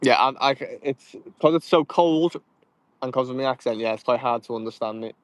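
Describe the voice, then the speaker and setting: A man's voice: medium pitch, brisk, no echo. A young man with a Scouse accent, chatting casually and laughing often as he fishes outdoors and answers viewer comments. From Liverpool, England. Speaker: fishing vlogger. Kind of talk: casual live-stream chat while fishing. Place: outdoors by cold water.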